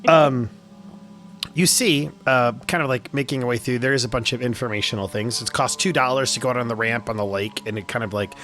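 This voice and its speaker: A man's voice: medium pitch, fairly quick, a bit bright, faint music behind. A man running a tabletop game as game master, narrating casually in a joking, rambling way. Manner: joking, rambling with many hedges.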